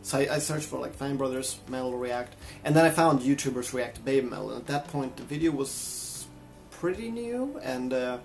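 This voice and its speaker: A man's voice: medium pitch, expressive, moderate pace, vocal fry, a little mellow. A man from Sweden, telling a personal story in a casual, reflective vlog. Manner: reflective, chatty. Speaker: vlogger and guitarist.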